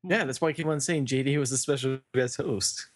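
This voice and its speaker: A man co-hosts a live podcast and trades dry, teasing quips. His voice sits at an ordinary middle pitch. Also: brisk. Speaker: podcast co-host. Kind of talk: live post-show chat.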